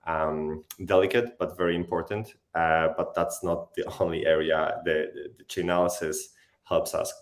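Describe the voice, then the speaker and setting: A male livestream host with a very deep, low voice. He talks haltingly, repeating words and restarting sentences as he searches for what to say. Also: steady tone. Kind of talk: livestream interview.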